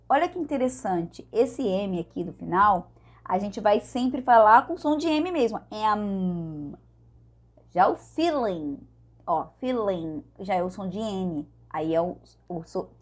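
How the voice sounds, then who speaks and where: A woman with a Brazilian Portuguese accent teaching English pronunciation through a song, slowly repeating and demonstrating sounds. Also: medium pitch, breathy edge. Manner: slow, careful demonstration of sounds, repeats words. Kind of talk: pronunciation lesson, singing lines then explaining.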